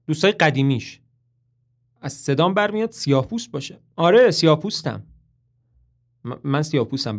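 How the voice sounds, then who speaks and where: A man's voice: on the high side, pitched above the performer's own voice. A man voicing a nervous young man who keeps stammering and over-explaining on the phone, in a dramatic play reading.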